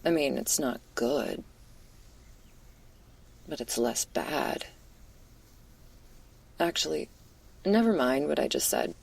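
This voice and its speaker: Playing a chill stoner werewolf girl who teases but cares, a woman speaks breathily, often near a whisper, using crude casual slang in an intimate ASMR roleplay. Her bass voice has lively intonation, a slow pace and long pauses, heavily acted, with a soothing, reflective mood.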